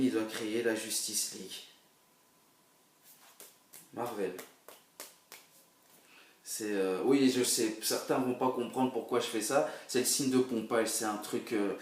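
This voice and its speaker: A young man reviewing a film casually, rambling with many fillers and bursts of excitement. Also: medium pitch. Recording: roomy echo, a bit far from the mic.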